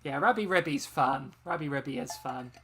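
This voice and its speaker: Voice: mid-range voice, expressive, moderate pace, pushed and bright, husky. Streamer host, loose rambling chat, lots of ums, tired from a long live stream. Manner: rambling, chatty, frequent ums and self-corrections. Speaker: game channel host.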